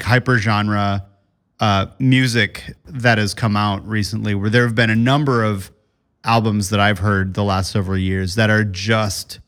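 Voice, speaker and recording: A man's voice: fairly low pitch, a bit bright. A man co-hosting a podcast, chatting casually and enthusiastically, often laughing as he gushes. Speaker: podcast co-host. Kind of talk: casual chat.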